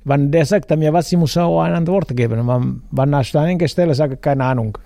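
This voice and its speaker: A man from Italy with an Italian accent, a pizza stand owner answering interview questions haltingly, with many fillers. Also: a little high, vocal fry, dark tone, dry recording, clean studio sound. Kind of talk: casual interview chat.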